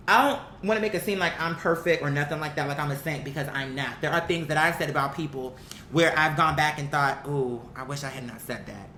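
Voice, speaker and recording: Here an opinionated commentator riffs unscripted for an audience, voice mid-pitched and sharp, hammering points with slang and plenty of swearing. The room echoes, the sound is bright, and a little background noise lingers.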